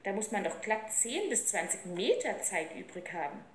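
A woman's voice: medium pitch, big pitch swings, moderate pace, a little hiss or hum, lightly acted. A woman reading aloud, voicing a cheeky, slangy street boy. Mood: brash. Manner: brash, slangy, eager. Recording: roomy with faint ambience.

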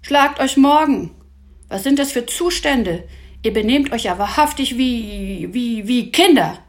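A woman's voice: medium pitch, lively intonation, normal speed, natural voice. A woman voicing a bossy, clever boy who lectures his friends. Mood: scolding. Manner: lecturing, indignant.

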